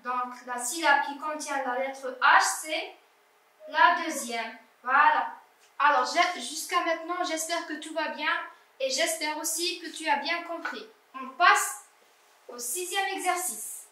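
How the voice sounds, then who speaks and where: A woman teaching a primary school class, correcting exercises slowly and sounding out each syllable. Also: high-pitched, sharp tone, recorded from a distance. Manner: slow, deliberate, sounding out syllables. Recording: echoey room, voice away from the mic.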